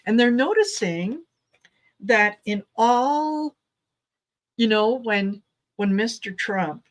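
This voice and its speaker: A woman hosting a casual chat about tarot cards, slow and chatty, acting out quoted voices as she talks. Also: a little high, animated. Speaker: tarot reader host.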